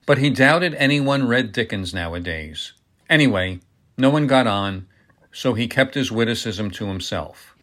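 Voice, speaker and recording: A man narrating an audiobook in a steady, even-paced reading. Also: mid-range voice, unhurried.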